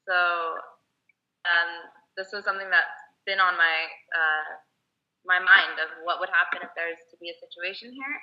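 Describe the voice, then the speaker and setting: Young woman guest, lowish voice, halting, lo-fi call audio. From United States (Bay Area, California). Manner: hesitant, many fillers and restarts. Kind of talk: casual video call chat.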